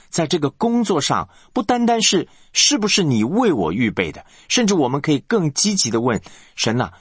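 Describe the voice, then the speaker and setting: A man's voice: mid-range voice, husky, dry recording. A male pastor preaching a sermon, asking the congregation rhetorical questions.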